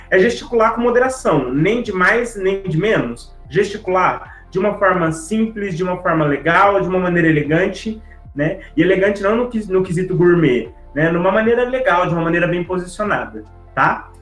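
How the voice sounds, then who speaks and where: Brisk, lively man teaching public speaking. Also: sits high, reverberant, rough recording. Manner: lively, talks straight to the audience with tags like "tá?" and "né?"; brisk, speeding up on purpose to fit the content in. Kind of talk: online lecture on public speaking. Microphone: video call setup.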